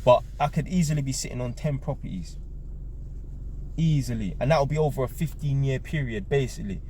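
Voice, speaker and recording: A man's voice: mid-range voice, fairly quick, warm tone, a little hiss or hum. A man, giving a blunt, emphatic monologue to camera, repeating key words and swearing freely. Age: 30s. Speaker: vlogger.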